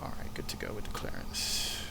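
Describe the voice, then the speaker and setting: A man giving casual, think-aloud flight simulator commentary and making pilot radio calls. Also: fairly quick. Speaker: flight simulator streamer playing an airline pilot. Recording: clear cockpit noise behind voice. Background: aircraft cockpit ambience from the simulator.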